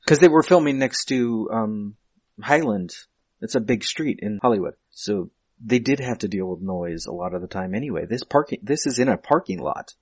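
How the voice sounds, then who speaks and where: A man's voice: on the low side, expressive, moderate pace, a little mellow, slightly rough, dry recording. A man, hosting a podcast and casually picking apart a film with the others. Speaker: podcast host. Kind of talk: casual film commentary chat.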